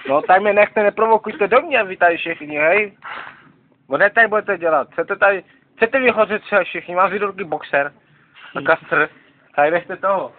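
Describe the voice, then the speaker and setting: A man, rambling in slangy street talk and tossing in "more", being interviewed outdoors at night on a handheld camera. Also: high-pitched. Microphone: handheld camera mic. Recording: lo-fi noisy handheld camera audio.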